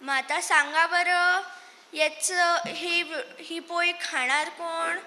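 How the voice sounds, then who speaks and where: A woman's voice: very high-pitched, steady tone, slow, pushed and bright, heavily acted. A woman voicing a hardworking male rooster who speaks firmly and asks pointed questions. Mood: stern. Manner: firm, questioning, matter-of-fact. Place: stage in a hall. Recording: echoey hall.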